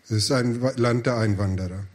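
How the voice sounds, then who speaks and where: A man's voice: lowish voice, fairly quick, a little mellow. A man interpreting a sermon phrase by phrase, with hesitations and self-corrections.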